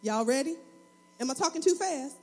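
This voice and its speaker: A woman pastor with a Southern US accent, preaching a fast, excitable sermon with call-and-response to her congregation. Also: sits high. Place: church sanctuary. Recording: long hall reverb.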